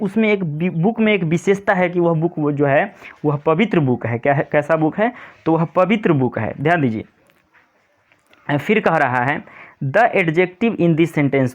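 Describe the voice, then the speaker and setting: A male teacher explaining an English grammar lesson to pupils, patient and repetitive. He reads the English example sentences slowly, word by word. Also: on the high side, dull audio. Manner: repetitive, patient, keeps saying "pay attention".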